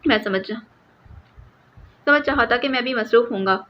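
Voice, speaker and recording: A woman's voice: on the high side, lightly acted. A woman voicing a hot-tempered, blustering male police superintendent in an audiobook, with an angry, scolding tone. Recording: slightly muffled with faint hiss.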